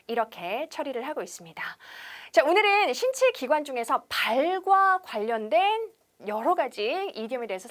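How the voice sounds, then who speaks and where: A woman teaching English on television. She explains in Korean, asks rhetorical questions and drills example sentences slowly. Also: a little high. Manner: lively instructor patter with rhetorical questions.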